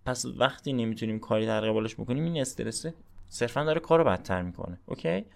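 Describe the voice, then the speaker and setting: A man's voice: medium pitch, gravelly. A man hosting a podcast, giving informal advice in a chatty, coaching way and often checking in with the listener. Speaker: podcast host.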